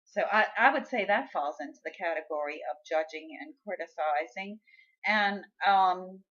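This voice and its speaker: A woman's voice: fairly low pitch, normal speed, a bit bright, highs cut off. A woman vlogger telling a personal story in a frank, candid and exasperated way. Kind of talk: casual personal storytelling to camera.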